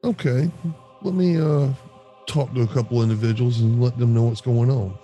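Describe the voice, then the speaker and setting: A man talking casually as a player in a tabletop game, halting as he works out what his character does. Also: medium pitch, warm tone, dull audio, faint music behind.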